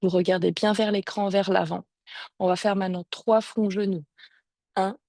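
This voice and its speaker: A woman yoga teacher giving calm step-by-step cues and breath counts to a class over a video call. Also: medium pitch, moderate pace, no echo. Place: home or studio, streamed on a video call. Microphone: video call microphone.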